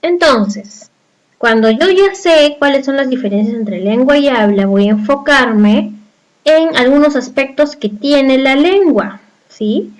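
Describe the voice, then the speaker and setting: A woman's voice: sits high, lively intonation, measured pace, low-quality recording. A woman from Peru with a Peruvian accent, teaching a recorded class and explaining step by step with frequent rhetorical questions to the students. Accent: Peruvian Spanish.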